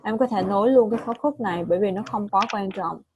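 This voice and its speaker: A woman's voice: mid-range voice, quick pace, darkish tone, slight background noise. A woman with a Vietnamese accent teaching English pronunciation, repeating words and correcting a student patiently. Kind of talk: online pronunciation lesson.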